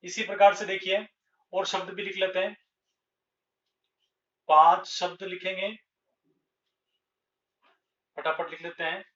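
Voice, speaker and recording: A man teaching a grammar lesson at a board, speaking slowly and deliberately and repeating each example word. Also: sits high, fairly even intonation, fairly bright tone. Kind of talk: blackboard Hindi grammar lesson. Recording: echoey room, distant lo-fi mic.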